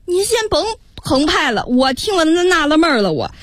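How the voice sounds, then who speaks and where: Woman, crosstalk partner, high voice, teasing retorts, dry close sound. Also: big pitch swings, dry recording. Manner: quick skeptical retorts, teasing. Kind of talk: crosstalk comedy routine.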